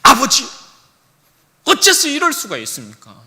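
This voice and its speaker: A pastor acting out a resentful grown elder son who loudly reproaches his father, in a sermon. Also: extremely high pitch, wildly swooping pitch, a little slow, pitched above the performer's own voice, heavily acted. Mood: indignant. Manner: indignant, loud and reproachful. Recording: echoey church hall.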